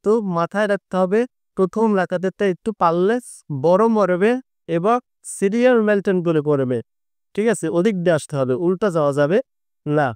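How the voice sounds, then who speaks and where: Male preacher, high resonant voice, explains step by step. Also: a little fast, darkish tone, clean tone, dry recording. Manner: explains step by step, asks and answers his own questions. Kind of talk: instructional sermon on prayer.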